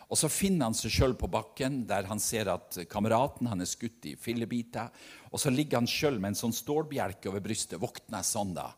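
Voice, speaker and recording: Man, preacher, husky voice, earnest sermon storytelling, loud then hushed. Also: fairly low pitch, expressive. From Norway.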